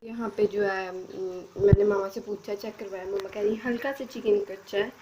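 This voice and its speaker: A woman's voice: mid-range voice, fairly even intonation, moderate pace, very noisy. A young woman casually talking viewers through cooking in her home kitchen, chatty and giggly. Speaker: vlogger.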